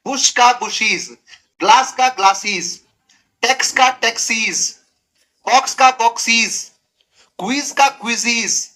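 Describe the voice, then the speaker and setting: Man, classroom grammar teacher, bright and deliberate, drills each sound and keeps asking questions. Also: sits high. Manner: drills sounds by repetition, asks students questions.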